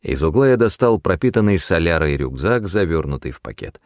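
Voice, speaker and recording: A man narrating a first-person audiobook in a measured, expressive reading. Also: sits low, no room sound, studio quality.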